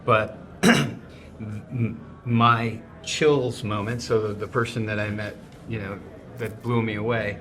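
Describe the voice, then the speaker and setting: Man, low pitch, enthusiastic, casual guest chat, restarts sentences. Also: fairly even intonation, a bit bright, soft background music. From grew up in snowy region. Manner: enthusiastic, talks in quick bursts with restarts. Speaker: restaurant owner and chef, show guest. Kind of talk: casual conversation.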